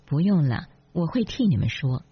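女朗读者演绎的温婉端庄的年轻女子. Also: female voice, low-pitched, very animated, moderate pace, slightly rough, no room sound, exaggerated voice. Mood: polite. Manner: polite, solemn. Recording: dull lo-fi, dry.

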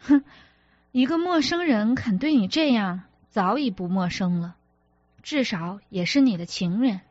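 A woman's voice: a little high, lively intonation, a little slow, a little mellow, no echo, highs cut off. A woman reader voicing an apologetic, exasperated young husband who pleads and defends himself, as an audiobook character. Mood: irritated.

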